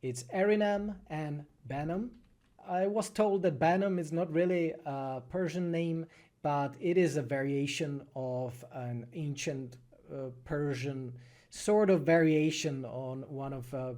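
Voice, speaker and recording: A man with a Czech accent, from the Czech Republic, casually answers viewer questions on a livestream, choosing his words thoughtfully and pausing often. He makes animated films and streams. His voice sits at a medium pitch with a slightly mellow quality.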